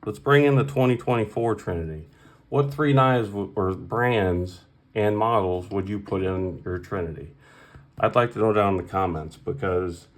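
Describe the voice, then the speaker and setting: A man ranting casually on his vlog, blunt and profane, heated and repeating points for emphasis. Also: deep voice. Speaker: knife collector vlogger. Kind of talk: casual opinionated rant.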